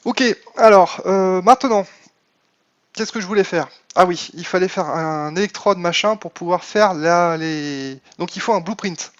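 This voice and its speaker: A man's voice: sits high, a little slow, highs cut off. A man casually commenting on his live game stream, thinking aloud with many fillers and answering chat. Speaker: Minecraft modpack streamer.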